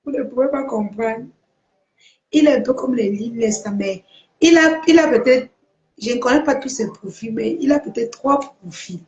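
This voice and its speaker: A woman's voice: on the high side, moderate pace, dull audio. A woman chatting live with viewers, greeting them and reading their comments, laughing often and chanting names in a sing-song way. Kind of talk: casual live-stream chat. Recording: echoey room.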